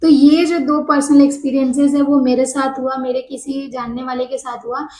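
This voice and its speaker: A woman casually telling a personal story to camera, animated and mixing English words into her speech. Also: high voice, moderate pace, echoey room, rough recording.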